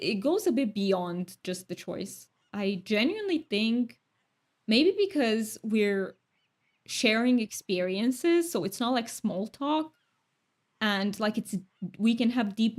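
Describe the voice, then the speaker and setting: Reading her chat, a Romanian woman streamer talks casually in a slow, fairly high voice with big pitch swings. She is chatty and thoughtful and laughs often.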